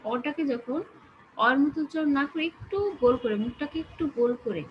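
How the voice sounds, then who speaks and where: A woman's voice: high-pitched, fairly quick. A woman teacher with a Bangladeshi Bengali accent giving an online class, explaining step by step and keeping her students answering questions. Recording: dull lo-fi call audio with background noise.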